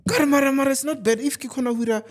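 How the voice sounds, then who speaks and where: A young South African man telling a comic story in casual chat, animated and quick to switch languages mid-sentence. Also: very high-pitched. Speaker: podcast host.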